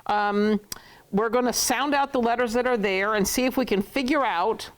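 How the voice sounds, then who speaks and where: A woman's voice: fairly high pitch, moderate pace. A woman teaching a class who jokes with her students, laughs often and repeats words to drill them. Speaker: Hebrew teacher. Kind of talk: classroom lesson.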